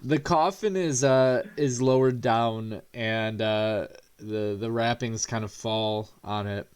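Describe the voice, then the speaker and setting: A young man runs a tabletop game as game master, chuckling between lines. He talks in halting bits and restarts his sentences, loose and easygoing as he sets out what the players see. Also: fairly low pitch, clean tone. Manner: laughing, halting, many restarts.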